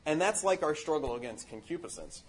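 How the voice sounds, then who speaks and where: A man's voice: a little high, animated, brisk, a little hiss or hum. A man giving a casual, earnest spiritual reflection on a book, rambling with many fillers and restarts.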